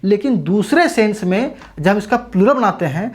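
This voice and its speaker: A woman's voice: medium pitch, lively intonation, normal speed, darkish tone. A woman teaching an English grammar lesson for exam students, asking questions and answering them herself, and addressing viewers as brothers and sisters.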